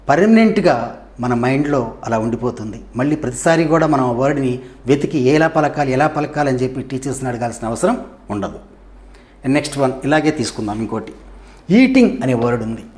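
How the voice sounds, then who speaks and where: A man's voice: mid-range voice, a little mellow. A middle-aged man with a Telugu accent teaching an English grammar lesson. He asks questions and answers them himself, and he sounds out words one syllable at a time.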